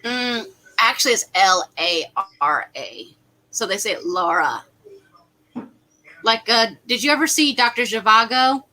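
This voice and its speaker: A woman's voice: fairly high pitch, expressive, moderate pace, sharp tone, low-quality recording. A woman hosting a casual livestream watch party, chatting animatedly and laughing often. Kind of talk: casual group chat on a livestream.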